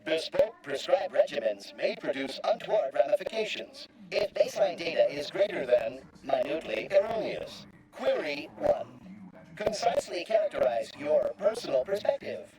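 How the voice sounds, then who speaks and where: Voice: mid-range voice, sing-song, normal speed, over a noisy crowd, close to an everyday voice, poor audio. An actor voicing an officious, rigid bureaucratic machine in a video game, speaking in formal, stilted, wordy phrases. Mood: formal, procedural. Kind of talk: scripted game dialogue.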